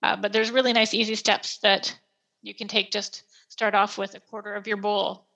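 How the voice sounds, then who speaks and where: A woman's voice: medium pitch, little pitch movement, normal speed, gravelly, fairly bright tone, poor audio. A woman hosting a podcast, explaining in a chatty, plain-spoken way as a pet store expert. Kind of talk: casual explanatory podcast chat.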